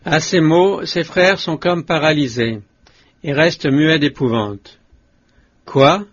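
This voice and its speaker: A male audiobook narrator giving a measured, solemn scripted reading of a religious book. His voice sits somewhat high for a man. The recording sounds dull and lo-fi. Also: fairly bright tone.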